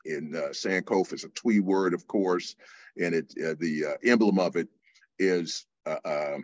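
An older man from California, a teacher answering interview questions in a measured, explanatory way with frequent fillers. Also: low voice, no echo, dull audio. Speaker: guest teacher.

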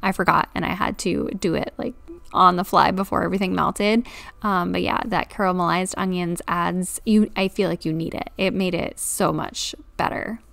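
Young adult woman, casual cook-along narrator, chatty and relaxed, dry booth-close sound. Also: lowish voice, moderate pace, gravelly, no room sound. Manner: chatty, relaxed, filler-heavy, self-deprecating. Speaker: cooking vlogger.

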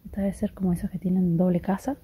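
A young woman vlogs casually from her rural house, her voice low and weak from illness, often half-whispering and cooing at dogs. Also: level tone, fast, background noise. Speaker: vlogger. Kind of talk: casual vlog narration. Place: rural house, partly outdoors.

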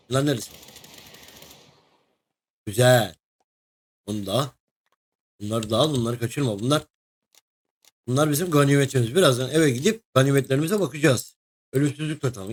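A young man giving casual, excitable commentary while playing a game, chatting to the creatures and a co-player. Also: medium pitch, husky. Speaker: gaming video host. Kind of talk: casual let's-play commentary.

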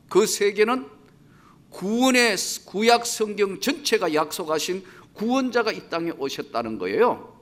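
A man preaching a sermon as pastor, swinging between loud acted-out cries and quiet low asides. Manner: dramatic, shifting between shouted quotes and low asides.

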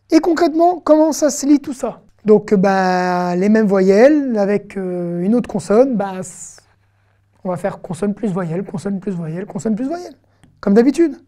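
A woman giving an online lesson, patient and repetitive, saying words slowly and checking in with her students often. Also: medium pitch, warm tone. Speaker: Hebrew teacher.

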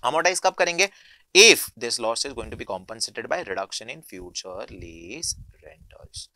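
A young Indian man lectures as a teacher in a bright, forceful voice of medium pitch. He switches between Hindi and English mid-sentence with an Indian accent. He works through problems step by step and repeats key phrases. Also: animated, a little fast, slight background noise. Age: young adult. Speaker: accounting teacher.

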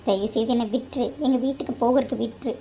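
A woman's voice: fairly high pitch, steady tone, fast, vocal fry, warm tone, a little hiss or hum. A woman playing a defiant captive wife. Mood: begging. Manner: scornful insults, then begging. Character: young married woman held captive, defiant and desperate. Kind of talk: animated cartoon voice acting.

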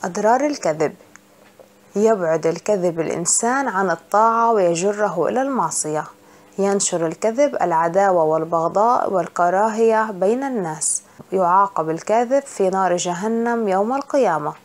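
A woman's voice: mid-range voice, lively intonation, a little fast. A woman teacher reading a school religion lesson aloud, steadily explaining definitions and going through exercise answers.

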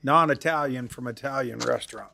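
A man's voice: mid-range voice, brisk, vocal fry, bright, forceful tone. A middle-aged man hosting a casual interview, chatty and joking, into a studio microphone. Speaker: host. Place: podcast studio. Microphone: studio mic on boom arm.

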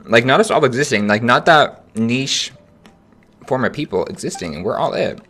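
A young man streaming a game, chatting casually with viewers in an animated, slangy way. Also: mid-range voice, moderate pace, a little hiss or hum. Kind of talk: casual livestream chat.

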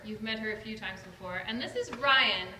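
A woman in her thirties, chatty and playful, shows off her large, empty new house in a casual vlog filmed on a phone camera at arm's length. She talks a little fast in a mid-range, sharp-toned voice. There's slight background noise, and the bare room echoes.

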